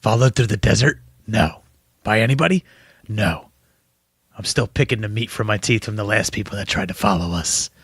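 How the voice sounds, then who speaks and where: Man doing a gravelly man-eating alien mercenary. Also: fairly low pitch, expressive, moderate pace, a bit bright, dry recording, clean studio sound, exaggerated voice. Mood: gruff. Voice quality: gravelly, husky. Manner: crude, bloodthirsty boasting.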